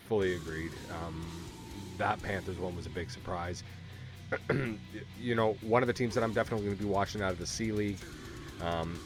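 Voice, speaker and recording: Chatty, low-voiced male stream host. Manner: chatty and upbeat, with frequent fillers and restarts. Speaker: host of a gaming league recap stream. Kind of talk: casual live-stream chat.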